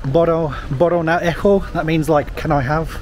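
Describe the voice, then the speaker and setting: This English travel vlogger's voice is a little high and darkish, steady in tone and at normal speed. He wanders busy city streets talking casually and rambling with fillers into a camera held at arm's length. The outdoor recording is noisy with traffic and street ambience.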